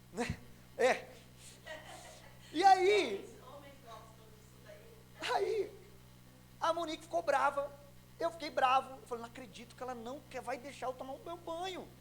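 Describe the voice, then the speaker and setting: A young adult man from Brazil preaching a sermon as pastor, telling a story with acted-out dialogue and swinging between loud and soft. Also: very high-pitched, low-quality recording. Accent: Brazilian Portuguese.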